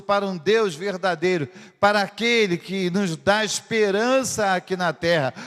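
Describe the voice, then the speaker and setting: Fervent pastor with a high voice, sermon in a church with long reverb. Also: male voice, fairly bright tone. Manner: fervent preaching with dramatic pauses. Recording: echoey church hall.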